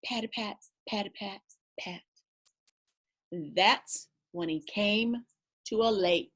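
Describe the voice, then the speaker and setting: With a mid-range, fairly bright voice, a woman storyteller gives an animated picture-book reading for children, drawn-out and rhythmic in a playful way, and sprinkles in chatty asides to her audience.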